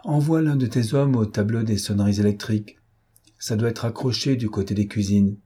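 A man voicing a cool, ironic gentleman thief who gives imperious orders in an audiobook. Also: fairly low pitch, normal speed, husky. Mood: commanding. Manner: imperious, calmly mocking orders. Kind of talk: audiobook character reading.

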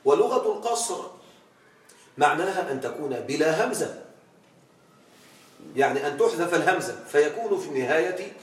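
A man teaching an Arabic grammar lesson in a classroom, quizzing his students with questions and stretching out words slowly for emphasis. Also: a little high. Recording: echoey room, from far off.

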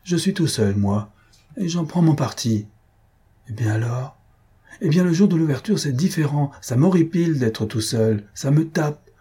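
A man voicing a lonely, kind country gentleman who grumbles and reproaches his friend. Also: medium pitch, moderate pace, breathy edge. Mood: grumbling.

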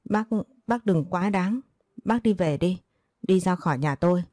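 A woman's voice: on the low side, measured pace, mellow, no echo, clean studio sound. A woman voicing a poor, distraught middle-aged village wife who laments and pleads.

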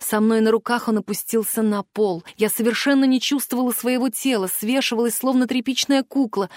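A woman reads a fantasy novel aloud in the first person, and her reading is expressive and emotional. Her voice sits a little high. The sound is dry and close, with no room echo. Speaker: audiobook narrator. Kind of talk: scripted first-person audiobook narration.

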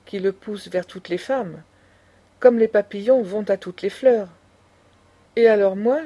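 A woman's voice: mid-range voice, warm tone, close to an everyday voice. A woman voicing an indignant aristocratic old grandmother who lectures with passion. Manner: impassioned, lecturing.

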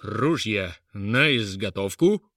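A man voicing a strict male army officer, giving loud, drawn-out commands. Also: fairly low pitch, animated, creaky, dry recording, clean studio sound, heavily acted. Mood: commanding.

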